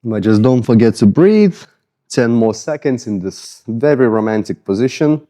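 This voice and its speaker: Relaxed Eastern European coach, mellow voice. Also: male voice, medium pitch, moderate pace. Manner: casual, self-deprecating, relaxed coaching. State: sweaty after a workout. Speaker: fitness coach. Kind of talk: follow-along mobility instruction.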